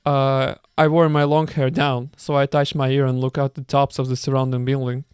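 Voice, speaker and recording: Man reading a book aloud with commentary, smooth resonant voice, occasional stumbles, amused asides. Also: medium pitch, flat delivery, normal speed, no room sound, clean studio sound. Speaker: reader.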